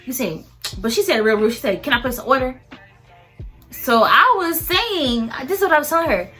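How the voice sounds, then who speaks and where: A young woman in a casual storytime rant about fast food work, animated and mimicking customers. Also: sits high, soft background music. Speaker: vlogger and fast food worker.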